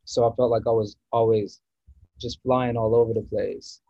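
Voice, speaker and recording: A man's voice: mid-range voice, flat delivery, moderate pace, no room sound, muffled recording. A man from the US East Coast, a guest musician in a casual podcast chat, rambling and searching for words with many restarts.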